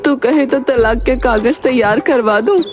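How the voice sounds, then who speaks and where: A woman voicing a teasing, sharp-tongued middle-aged mother-in-law in a cartoon, speaking in a mocking tone over background music. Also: high voice, a little slow. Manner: mocking, jeering.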